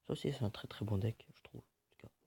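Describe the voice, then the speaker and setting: Man, gravelly husky voice, dark tone, casual gameplay commentary, jokey, swears and mutters. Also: on the low side, fast talker. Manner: joking, swears often, mutters to himself. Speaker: gaming video host.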